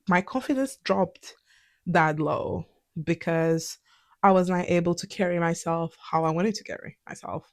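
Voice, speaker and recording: With a fairly low, slightly mellow voice, a young adult vlog host talks candidly about personal matters in a reflective, conversational style. She's a native Portuguese speaker and has a Portuguese accent.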